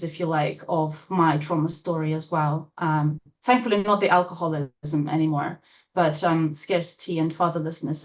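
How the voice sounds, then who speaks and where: A woman from Latvia, a guest in an interview, speaking in a thoughtful, hesitant way with many fillers and soft laughs. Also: fairly low pitch. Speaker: interview guest, trauma-informed coach. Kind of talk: casual interview chat.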